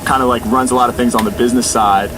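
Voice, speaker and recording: An American man with a medium-pitched voice talks casually as a guest in an interview. He is agreeable and slangy, often doubling up his affirmations. Clear urban vehicle noise runs behind him. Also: steady tone, quick pace. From United States, Portland. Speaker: guest, freestyle rapper and drummer.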